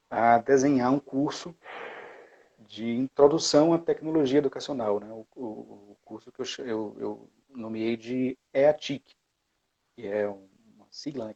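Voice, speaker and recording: A man from Bahia, Brazil, with a mid-range, mellow, slightly rough voice, captured on a muffled recording. He's a guest in a casual interview, reflecting on his path as a music educator, and his speech is full of fillers and restarts.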